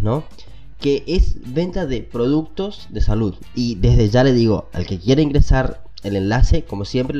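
A man's voice: mid-range voice, warm tone, dull audio. A man with a Latin American Spanish accent and a stuffy, congested nose from a cold, hosting a podcast in a casual motivational monologue, speaking directly to listeners. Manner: conversational, addresses listeners directly. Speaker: podcast host.

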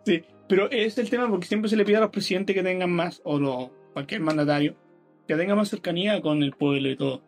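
Chilean male co-host, high voice, crude rambling talk, faint music. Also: fairly quick. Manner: crude, rambling, swears often. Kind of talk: casual podcast chat.

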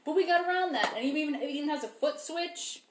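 A woman's voice: high voice, expressive, fast talker, background noise. A young woman co-hosting a casual chat over beers at home, rambling and laughing as she talks. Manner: rambling, laughing, self-interrupting. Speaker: podcast co-host. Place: living room at home. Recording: echoey room.

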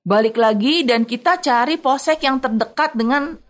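A woman telling a field-reporting story in conversation, animatedly acting out the voices she quotes. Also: normal speed. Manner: animated, acts out quoted voices with big pitch jumps.

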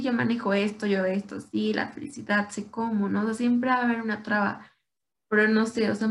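Female host, casual chat, reflective and a little hesitant. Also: mid-range voice. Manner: thoughtful, searching for words.

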